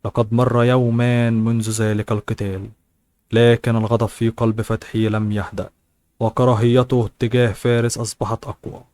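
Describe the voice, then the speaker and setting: A man reading a novel aloud as an audiobook narrator, in a steady, even delivery with occasional restarts. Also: medium pitch, a little fast.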